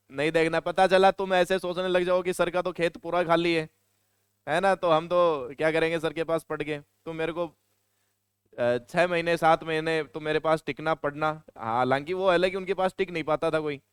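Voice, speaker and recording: This Hindi-accented male teacher gives a lecture that drifts into casual anecdotes, punctuated by the odd scolding of students. His voice is fairly high, smooth and crisp, and the recording is dry and close with little room sound.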